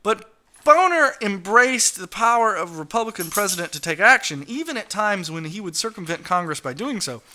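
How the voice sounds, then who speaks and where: A man's voice: high voice, big pitch swings, brisk, bright, forceful tone. A man hosting a political talk show, reading out news stories and ranting about them with sarcasm, indignation and swearing. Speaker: podcast host.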